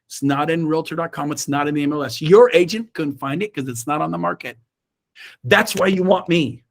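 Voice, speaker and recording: Middle-aged guy pumping up his team on a zoom call, high voice, goes from yelling to muttering. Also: brisk, vocal fry. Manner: fired-up, emphatic, swings from shouts to low asides. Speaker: real estate team leader. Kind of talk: motivational coaching talk. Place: indoors, own room on a Zoom call. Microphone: video call.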